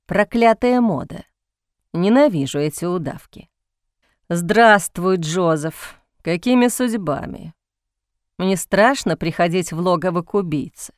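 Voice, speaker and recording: A woman's voice: on the low side, expressive, measured pace, no room sound, studio quality. Woman voicing a sardonic aristocrat. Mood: irritated, then sarcastic. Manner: mocking, sarcastic drawl. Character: cynical sardonic aristocratic older brother, man.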